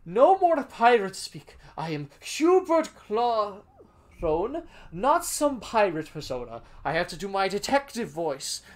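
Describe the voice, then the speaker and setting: A man voicing a wry noir detective, with drawn-out, hammy delivery in a pulpy mystery style. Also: high voice, big pitch swings, pitched above the performer's own voice, heavily acted. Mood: indignant, emphatic. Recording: music behind the voice.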